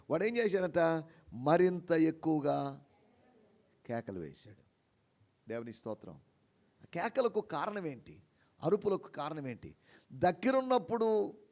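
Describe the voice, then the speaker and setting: A male pastor preaching an animated sermon at a church service. He fires rhetorical questions at the congregation and swings between low quiet asides and raised, emphatic declarations. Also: lo-fi sound.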